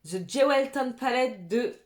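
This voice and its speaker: A woman's voice: on the high side, expressive, unhurried, a little mellow. A young woman talking casually and enthusiastically to her viewers about her makeup, often saying "voilà". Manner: chatty, enthusiastic, fills with "voilà". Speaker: beauty youtuber. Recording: echoey room.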